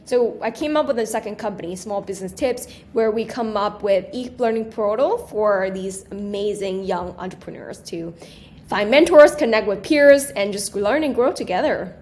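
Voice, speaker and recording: Taiwan-raised young woman, animated chat. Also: mid-range voice, normal speed. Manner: animated, with many restarts and fillers. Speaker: guest, small business creator. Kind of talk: casual interview chat.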